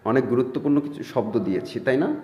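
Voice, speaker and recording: A man's voice: mid-range voice, fast talker, darkish tone. A man teaching English pronunciation in a classroom, drilling words call-and-response with his students. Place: classroom with whiteboard. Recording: echoey classroom with long reverb.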